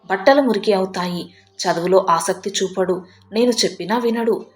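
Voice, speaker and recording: A woman's voice: mid-range voice, moderate pace, lightly acted. A woman voicing a worn-out widowed mother who pleads as she tells of her hardship, in a storybook narration. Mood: weary, pleading.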